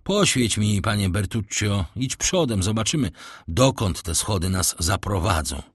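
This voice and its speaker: A man's voice: fairly low pitch, animated, unhurried, breathy edge, dry recording. Man doing a cold commanding count. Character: cool, commanding nobleman, ironic and composed. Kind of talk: audiobook character reading.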